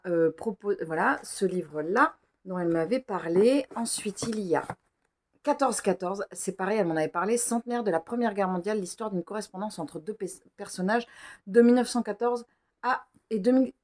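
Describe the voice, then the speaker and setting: A woman's voice: mid-range voice, a little fast, darkish tone. A woman talks casually as she unboxes gifts for her book vlog. She chats freely, stumbles over author names and pokes fun at her own slips. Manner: chatty, stumbles over names, self-mocking. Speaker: book vlogger.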